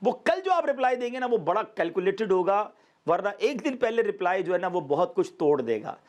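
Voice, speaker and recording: A man's voice: high voice, sing-song, fairly quick. A man with a Pakistani accent giving earnest religious advice on a talk show, slipping English words into his Urdu.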